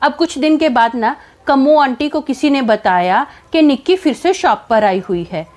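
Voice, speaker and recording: A woman telling a personal story in a casual vlog, animated and dramatic, with many fillers. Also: high voice, normal speed.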